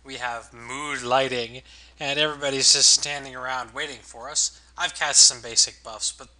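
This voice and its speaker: Very bright-voiced man doing game commentary. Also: mid-range voice, steady tone, normal speed, rough recording. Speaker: gaming video host. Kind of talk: casual let's play commentary.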